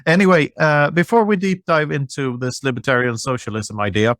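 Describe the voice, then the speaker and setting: A male podcast host talks casually, laughs often and fills gaps with plenty of fillers. His voice is mid-pitched. The recording is dry and close to the mic. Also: fairly quick, a bit bright, no room sound. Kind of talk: casual chat.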